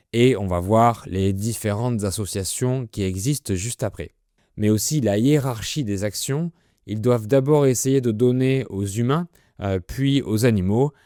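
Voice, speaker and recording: A man's voice: mid-range voice, dark tone, no room sound, clean studio sound. A man presenting an explanatory lesson for language learners in a didactic way, explaining words simply. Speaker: French teacher presenting a listening lesson.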